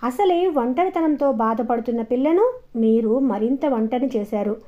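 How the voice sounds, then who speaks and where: A woman's voice: a little high, expressive, normal speed, lightly acted. A woman storyteller voicing a grieving elderly grandmother who speaks reproachfully and tenderly in a dull, lo-fi recording. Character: grieving elderly grandmother, gentle but firm.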